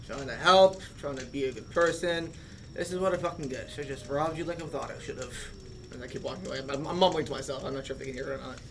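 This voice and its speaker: A man's voice: medium pitch, fast, background noise. A man playing a tabletop game, speaking in character in a sarcastic way, with frequent swearing. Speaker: player. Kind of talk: casual tabletop role-play.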